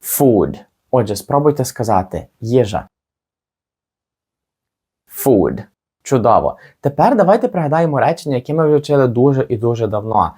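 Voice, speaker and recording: A man teaching a spoken language lesson, modelling practice phrases slowly and deliberately. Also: medium pitch, big pitch swings, darkish tone, husky. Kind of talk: scripted lesson narration.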